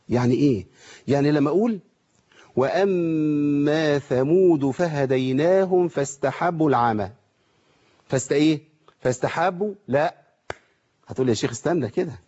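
A man with an Egyptian Arabic accent teaching Quran recitation, asking his viewers rhetorical questions and slowly sounding out examples. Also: a little high, warm tone, slightly rough, highs cut off. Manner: asks rhetorical questions, demonstrates pronunciation slowly. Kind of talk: televised lesson.

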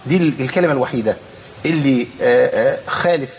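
A man with an Egyptian accent teaching Quran recitation rules. He explains quickly, then stretches syllables slowly to show each sound. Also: mid-range voice, a little hiss or hum. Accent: Egyptian Arabic. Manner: explains briskly, then draws out sounds slowly to demonstrate them. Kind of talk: tajweed lesson.

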